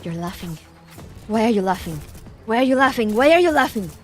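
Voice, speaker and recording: A woman's voice: on the high side, animated, a little fast, faint music behind, pitched above the performer's own voice, natural voice. A woman voicing an unhinged, vengeful young woman in dramatic video game dialogue. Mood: escalating rage.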